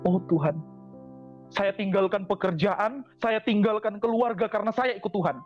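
A man with a notably high voice tells his story to a congregation, repeating key phrases with heartfelt emphasis. The recording is dull and lo-fi. Faint music runs underneath. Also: normal speed. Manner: repetitive, earnest, heartfelt phrasing. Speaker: convert giving a church testimony. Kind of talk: personal testimony to a congregation.

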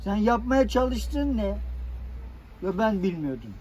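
A man's voice: sits high, big pitch swings, takes it slowly, darkish tone, a little hiss or hum. A man in casual banter who grumbles and rants, firing back at a friend. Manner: grumbling, ranting. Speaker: street personality.

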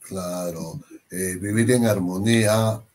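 A man's voice: low-pitched, slow, darkish tone. A man hosting an interview, prompting his guest with questions and affirming what she says. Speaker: host. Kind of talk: casual interview.

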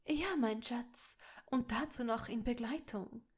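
Female reader as a gentle pleading noble mother in an audiobook, slow and a bit high. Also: breathy edge. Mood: friendly. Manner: soft, earnest, pleading. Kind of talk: audiobook reading of fan fiction.

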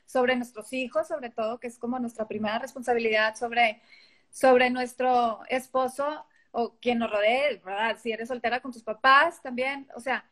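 Her fairly high, fairly bright voice keeps a mostly even intonation at normal speed. She is a middle-aged interview guest with a Mexican Spanish accent, speaking animatedly and performing the lines she quotes.

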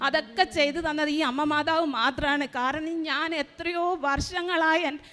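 A middle-aged woman giving a personal testimony as a mother at a shrine service, retelling events earnestly and haltingly, often restarting her words. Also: high-pitched, steady tone, bright, forceful tone. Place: large church hall. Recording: long hall reverb.

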